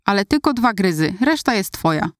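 A woman voicing a gentle, caring middle-aged mother who coaxes softly, in a storybook reading. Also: medium pitch, very animated, fairly quick, dry recording, studio quality, close to an everyday voice. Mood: gentle coaxing. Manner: soft, coaxing.

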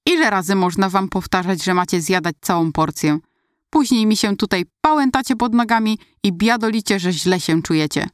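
A woman's voice: mid-range voice, animated, moderate pace, clean tone, no echo, studio quality, close to an everyday voice. A woman voicing a stern, impatient female hospital nurse who scolds children, in an audiobook reading. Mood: scolding. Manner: scolding, brusque.

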